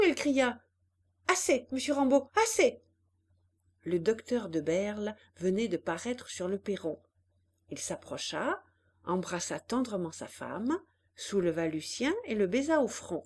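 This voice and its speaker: A woman narrating a classic novel aloud with an expressive, measured delivery. She takes her time, at a slow and even pace, in a mid-range voice. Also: mid-range voice. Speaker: audiobook narrator. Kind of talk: literary audiobook narration.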